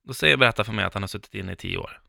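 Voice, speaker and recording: Male storyteller, gravelly and bright, animated anecdote delivery. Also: lowish voice, no room sound, clean studio sound. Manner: animated anecdote, quotes himself and others. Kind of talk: casual storytelling chat.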